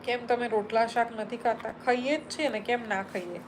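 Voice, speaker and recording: A woman's voice: fairly high pitch, steady tone, normal speed, background noise. A Gujarati woman hosting a live stream, chatting casually as she reads viewer comments aloud and answers them one by one. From Gujarat, India.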